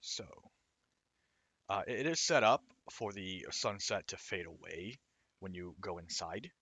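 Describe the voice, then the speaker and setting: A man with a hoarse, raw throat, casually explaining his own game while he plays it. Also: sits low, lively intonation, a little slow, bright, forceful tone, dry recording. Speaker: indie game developer. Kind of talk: let's-play commentary.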